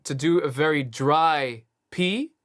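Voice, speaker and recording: A man with a Dutch accent coaching a singer through a one-on-one singing lesson, relaxed and encouraging. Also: slow pace. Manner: relaxed, encouraging, demonstrates high sung lines. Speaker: vocal coach.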